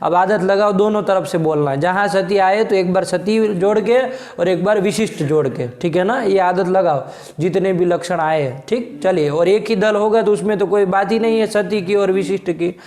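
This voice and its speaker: A man teaching a classroom lesson, quizzing his students, making them repeat, and scolding the slow ones. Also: high voice, a little mellow, roomy sound. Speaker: Sanskrit logic teacher.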